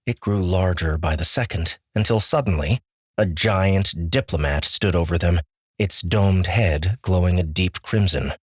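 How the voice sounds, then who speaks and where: A man narrating an audiobook with measured, steady storytelling. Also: sits low, slightly rough, no room sound, studio quality. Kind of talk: scripted narration.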